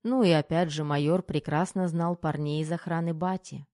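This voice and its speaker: Low-voiced woman narrating a novel. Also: steady tone, moderate pace, warm tone, dry recording, studio quality. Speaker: audiobook narrator. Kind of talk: scripted narration.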